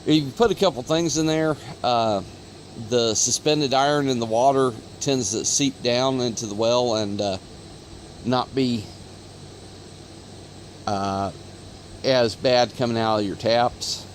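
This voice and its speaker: Slowly and with frequent pauses, an auto parts video host from Ohio rambles to his phone camera outdoors under the sun, correcting himself and using many fillers. His voice is medium in pitch, with slight background noise.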